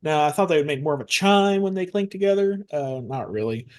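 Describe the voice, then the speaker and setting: A man playing a tabletop role-playing game, describing and role-playing casually in a halting, thinking-aloud way. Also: on the high side, expressive, a little mellow, no room sound, clean studio sound.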